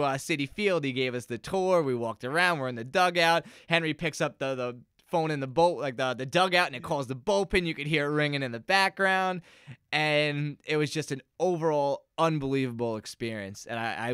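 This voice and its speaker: A man's voice: a little high, a bit bright, clear, resonant tone, no echo. A young man, a musician guest, chatting casually into a close microphone in an interview and acting out the voices of people in his stories. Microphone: close podcast microphone.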